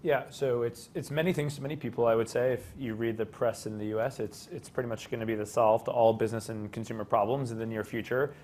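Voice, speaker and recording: A man's voice: mid-range voice, steady tone, quick pace, few pauses, darkish tone, a little hiss or hum. A man giving conversational explanations as a tech panelist. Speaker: panelist, tech team lead.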